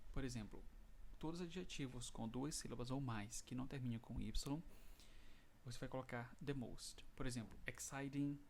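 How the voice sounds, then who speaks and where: A man with a Brazilian Portuguese accent, teaching an English lesson online and reading the English examples out slowly. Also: mid-range voice, darkish tone, a little hiss or hum.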